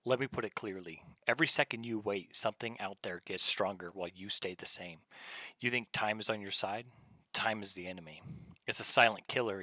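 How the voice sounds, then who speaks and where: A man's voice: on the low side, sharp tone, no echo. A man delivering a scripted, military-style motivational speech in blunt, commanding, short punchy phrases. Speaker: motivational speaker.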